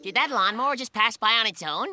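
A woman acts out a chubby, easygoing cartoon kitten boy. The voice is high with lively swings, and loud music plays underneath. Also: fast talker, close to an everyday voice. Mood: curious. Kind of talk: children's cartoon dubbing.

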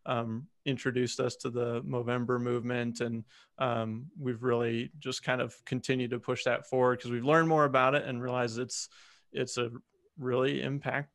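Male podcast host, gravelly, laid-back and encouraging, dry close-mic sound. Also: mid-range voice, level tone, moderate pace, fairly bright tone, dry recording. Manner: easygoing, affirming, reads out questions. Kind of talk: casual podcast interview.

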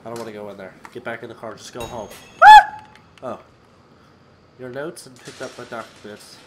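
Over game music, a young male gaming channel host narrates a horror game playthrough at normal speed, his mid-range voice steady in tone but stuffy and sick-sounding on a headset mic. He comes across nervous and jittery, often yelping and laughing, and the audio is very noisy.

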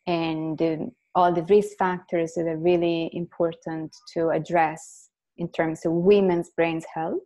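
Speaking earnestly over a video call from her living room, a guest neuroscientist in her forties from Italy talks through an earbud headset. Her voice is on the low side and unhurried, carries an Italian accent, and comes with animated hand gestures.

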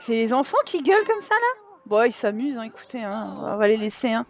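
A woman's voice: fairly high pitch, big pitch swings, brisk. A young woman chatting casually over her gameplay, talking to her characters and giggling often. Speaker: gameplay YouTuber. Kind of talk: casual let's play commentary.

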